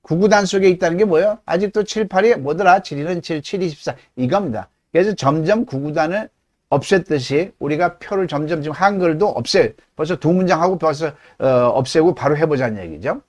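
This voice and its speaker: A man's voice: on the high side, fairly quick, darkish tone. A middle-aged man teaching English grammar in a lecture, explaining step by step and answering his own questions.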